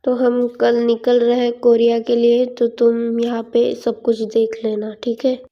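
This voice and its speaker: A woman's voice: a little high, completely flat delivery, measured pace, muffled recording. A woman voicing a stern young male boss who gives curt orders. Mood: commanding. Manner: commanding, curt.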